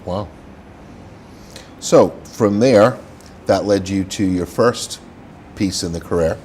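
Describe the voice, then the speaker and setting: Low-voiced man hosting a local show. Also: slow, darkish tone, a little hiss or hum. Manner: friendly, scripted welcome then chatty questions. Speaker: host of a local business show. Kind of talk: local cable interview.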